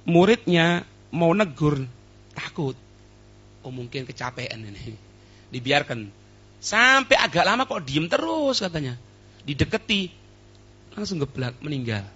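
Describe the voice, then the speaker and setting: Preacher guy, high sharp voice, quotes arabic then explains, dull lo-fi recording. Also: husky. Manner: quotes Arabic then translates, asks the audience questions. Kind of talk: sermon.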